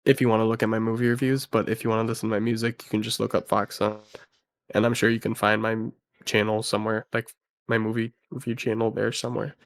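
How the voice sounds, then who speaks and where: A sick man with a congested, nasal voice talks in a low, subdued register. He chats casually as a guest reviewer, stopping and restarting around fillers. The sound is dry and close, with no room around it. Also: little pitch movement, dry recording. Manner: low, quiet, halting with many fillers.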